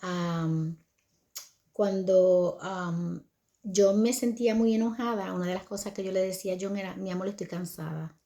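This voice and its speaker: An older woman with a warm, mid-range voice speaks at a moderate pace, telling viewers a family story about raising her son. Her manner is conversational, and she often checks in with her listeners.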